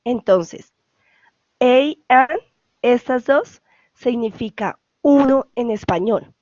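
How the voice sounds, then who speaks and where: A woman's voice: on the high side, animated, slow, a little mellow, dry recording, highs cut off. A woman with a Colombian Spanish accent, an English tutor patiently explaining grammar over a video call and often checking for questions. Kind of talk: online class explanation.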